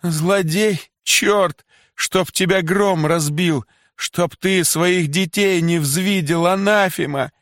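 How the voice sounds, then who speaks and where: A man voicing a desperate young peasant mother, pleading and cursing in a shrill raised voice. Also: slow, fairly bright tone, no echo, clean studio sound.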